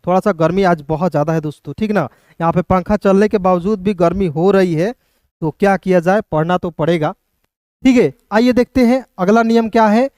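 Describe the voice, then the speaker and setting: High-voiced man teaching English spelling. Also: darkish tone, no echo, clean studio sound. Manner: repeats questions to viewers, checks "clear?" often; slow, spelled-out letter drilling. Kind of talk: classroom-style spelling lesson. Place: hot room with a fan running.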